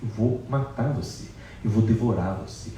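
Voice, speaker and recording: A man's voice: fairly low pitch, normal speed, mellow, a little hiss or hum, close to an everyday voice. A man voicing Ravana, a cruel demon king who threatens his captive. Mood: threatening. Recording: echoey hall from far off.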